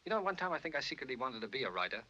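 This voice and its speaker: An actor playing a teasing upper-class man in a 1940s film, with a Mid-Atlantic accent, quick and clipped. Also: mid-range voice, very animated, bright, forceful tone. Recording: dull old film soundtrack from afar.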